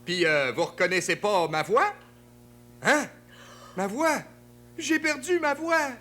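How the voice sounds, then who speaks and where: Brief: kindly bewildered kids' TV friend, lively swooping delivery, Québécois accent. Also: male voice, high-pitched, takes it slowly, exaggerated voice. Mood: puzzled. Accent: Québécois French. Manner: expressive, exclaiming, many fillers. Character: friendly grown-up male playmate, easily puzzled. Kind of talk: children's TV acting.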